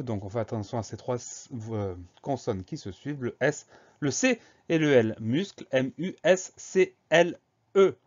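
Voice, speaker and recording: A man teaching a spelling lesson, spelling words out letter by letter in a slow, deliberate way. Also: mid-range voice, darkish tone, highs cut off.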